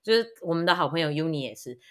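Woman podcast co-host, rapid delivery, slightly low voice, teasing, advice-giving. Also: lively intonation. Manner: quick, teasing, gives advice. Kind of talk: casual chat.

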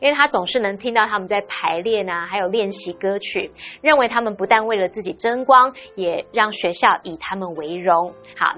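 A woman's voice: medium pitch, bright, forceful tone. A woman explaining a lesson as a teacher, mixing English vocabulary into Mandarin.

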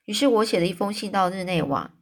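A woman voicing a kind, earnest middle-aged male magistrate in a storybook reading, speaking in a gentle, measured way. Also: mid-range voice, lively intonation.

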